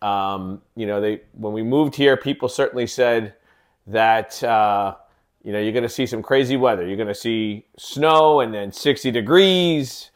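A man's voice: fairly low pitch, measured pace, clean tone. Upbeat rambling man podcasting solo. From living in Kansas City. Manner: rambling, many fillers and restarts. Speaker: podcast host. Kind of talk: casual solo podcast talk.

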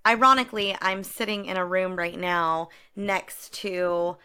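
Chatty woman with a bright, lowish voice. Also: fairly even intonation, a little slow, clear, resonant tone. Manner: chatty with many fillers. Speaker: podcast co-host. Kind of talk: casual chat. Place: room at home.

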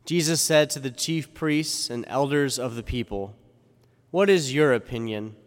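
A man's voice: medium pitch, a little slow. A man reading the gospel and preaching a conversational homily, full of rhetorical questions, his voice carrying a cathedral-like echo. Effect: cathedral-like church echo. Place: large church. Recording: long reverb in a large church.

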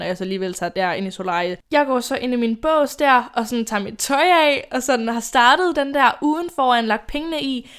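A woman's voice: on the high side, clean tone. A young adult woman hosting a casual storytime chat, rambling and chatty, often laughing. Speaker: podcast host.

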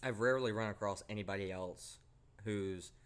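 A man's voice: lowish voice, moderate pace, a bit bright, clean tone. A man in his twenties co-hosting a podcast, rambling in casual chat, swearing and poking fun at himself. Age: 20s. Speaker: podcast co-host.

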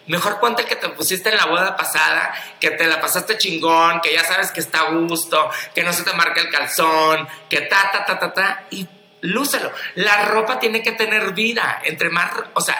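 A man's voice: high-pitched, pushed and bright, echoey room, a little hiss or hum. A man with a Mexican Spanish accent in a casual podcast chat, blunt and profane, often mimicking others in mocking voices.

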